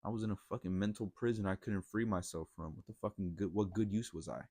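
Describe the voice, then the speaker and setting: A man's voice: on the low side, fast talker, a little mellow, no room sound, clean studio sound. A man hosting a casual motivational monologue, blunt and profane, rambling with frequent restarts. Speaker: podcast host.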